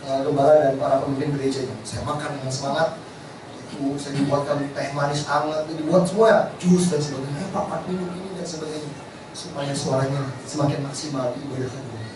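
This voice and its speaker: A man preaching a sermon to a congregation, telling stories in a lively, conversational way. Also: fairly high pitch. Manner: lively storytelling, addresses congregation as Bapak Ibu. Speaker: pastor. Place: large church hall. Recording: echoey hall, distant mic, background noise.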